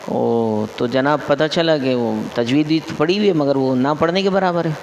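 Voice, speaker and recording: A man's voice: medium pitch, darkish tone, slight background noise. A man, a mufti, teaching the rules of Quran recitation to a class in a mosque, quizzing his listeners and repeating each rule. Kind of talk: classroom lesson. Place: mosque hall. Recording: echoey hall with long reverb.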